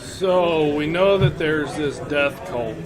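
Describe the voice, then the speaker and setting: A man playing a tabletop game, casually recapping events with hesitant pauses, in a room full of chatter. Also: on the high side. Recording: noisy room with crowd chatter.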